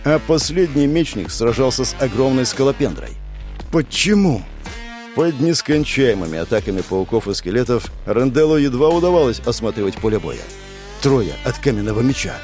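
A man reads a dramatic fantasy story aloud, his pitch moving a lot as he tells it. He jumps higher and shouts when the characters cry out. Faint music plays behind him. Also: animated, brisk, few pauses. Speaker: audiobook narrator. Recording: narration over soft music.

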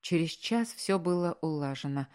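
A woman reading a story aloud in measured, earnest scripted narration, as an audiobook narrator. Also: low-pitched, lively intonation, a little mellow.

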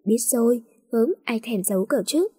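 Brief: a pouty young wife in a storybook, slightly high and breathy, voiced by a woman narrator. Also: expressive, moderate pace, warm tone, dry recording, clean studio sound. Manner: pouty, curt replies. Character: young wife, teasing and sulky.

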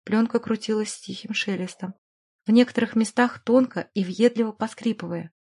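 A woman narrating a novel in the first person, in a measured, even storytelling manner. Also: mid-range voice, husky. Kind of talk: scripted audiobook narration.

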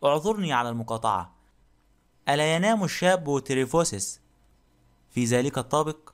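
A man voicing a polite, fastidious male detective who speaks calmly and courteously in an audiobook. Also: on the high side, natural voice. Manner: calm, courteous and measured. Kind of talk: audiobook character reading.

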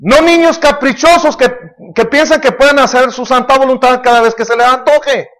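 Pastor, very high voice, emphatic sermon delivery, asks the congregation questions. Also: male voice, fairly even intonation, moderate pace, fairly bright tone.

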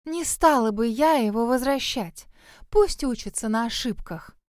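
A woman's voice: on the high side, expressive, a little slow, darkish tone, no room sound, studio quality. A woman doing a sly, mocking spirit in a well. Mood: haughty. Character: mocking gossipy female spirit living in a well.

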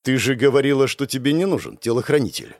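A man voicing an arrogant young male hero who speaks in a flat, dismissive way in an audiobook. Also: mid-range voice, fast, dry recording, close to an everyday voice. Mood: cold. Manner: monotone, dismissive.

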